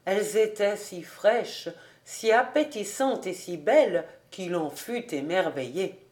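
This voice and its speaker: A woman reading a classic novel aloud as an audiobook, in calm, deliberate storybook narration. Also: medium pitch. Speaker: audiobook reader.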